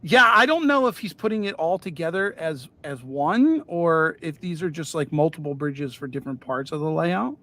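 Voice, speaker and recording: A man hosting a casual livestream about model railroading, talking in a relaxed, rambling way with plenty of fillers while he paints. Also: a little high. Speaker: model railroad hobbyist host.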